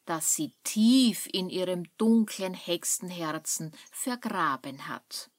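A woman narrating a children's story in an expressive, suspenseful way. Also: lowish voice, slow, dry recording.

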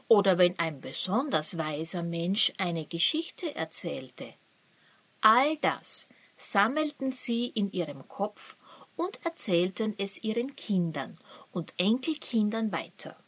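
Woman reading a kids' story aloud, slow and calm, dry close sound. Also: on the low side, breathy edge, dry recording. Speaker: narrator. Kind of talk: scripted children's story narration.

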